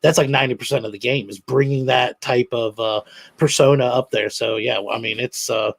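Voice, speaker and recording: Man, co-host, gravelly husky voice, supportive chat, dry sound. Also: mid-range voice, steady tone, a little fast, no room sound. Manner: supportive, chimes in with agreement. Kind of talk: casual interview chat.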